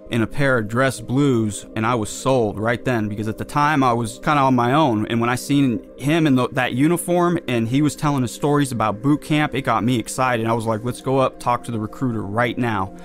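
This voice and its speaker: A man's voice: medium pitch, brisk, soft background music. A man from California, a military veteran, recalling his service in a loose, conversational way full of casual fillers. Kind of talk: casual recollection.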